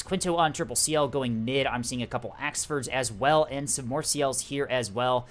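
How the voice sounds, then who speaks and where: A man's voice: mid-range voice, a bit bright. A man giving live esports commentary on a strategy game tournament, chatty and full of fillers. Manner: chatty, filler-heavy play-by-play with frequent "uh" and "um". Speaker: tournament caster.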